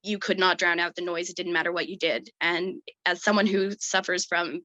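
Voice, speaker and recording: A woman giving emotional, halting personal testimony at an online public hearing over a video call. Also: fairly low pitch, fairly even intonation, sharp tone, no echo, highs cut off. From Canada. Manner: earnest, emotional, halting with fillers.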